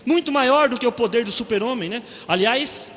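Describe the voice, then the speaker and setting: A middle-aged man with a Brazilian Portuguese accent preaches in a lively storytelling style, joking and acting out voices as he goes. His voice sits high and rings bright. The sound carries a long hall reverb. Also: moderate pace. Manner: animated, jokes and acts out quoted voices, keeps asking "né?". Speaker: preacher at a deliverance seminar. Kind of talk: humorous storytelling sermon. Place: church or seminar hall. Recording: echoey hall.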